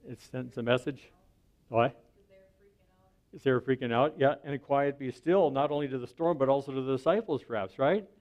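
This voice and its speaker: A man preaching at an everyday mid pitch, talking to his listeners as if in conversation and often pausing to ask "right?". His delivery is relaxed but earnest. The recording sounds a little dull and muffled. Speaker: pastor. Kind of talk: sermon.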